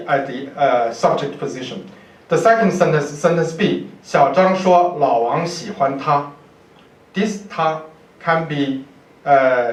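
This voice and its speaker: A university professor with a Chinese accent lectures from notes at a podium in an indoor lecture room, halting and deliberate, often repeating words. His voice is mid-range, picked up by a far camera microphone that gives a roomy, distant hall sound.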